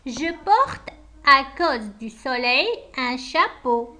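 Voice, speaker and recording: A woman teaching a French lesson to young pupils, dictating words deliberately and asking questions that she answers herself. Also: high voice, animated, pushed and bright. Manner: slow, deliberate, dictation-like delivery; asks questions then answers them herself. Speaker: primary school French teacher.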